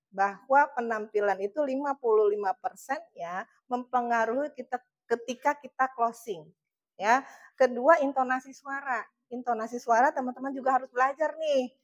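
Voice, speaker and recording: Woman trainer, high voice, emphatic casual motivational talk. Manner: chatty, emphatic, laughs often. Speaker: motivational trainer for charity fundraisers.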